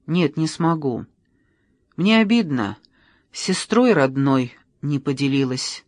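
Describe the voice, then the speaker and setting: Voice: mid-range voice, big pitch swings, takes it slowly, no echo, clean studio sound. A reader voicing a teasing, nosy sister. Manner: teasing, prying.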